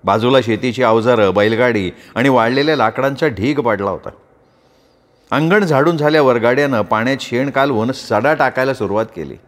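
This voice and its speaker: A man narrating an audiobook in a measured, descriptive storytelling manner. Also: medium pitch.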